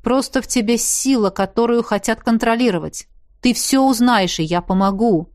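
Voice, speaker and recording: A woman voicing a calm, secretive blond man, speaking softly and evenly. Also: on the high side, no echo, clean studio sound, natural voice. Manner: soft, calm, measured.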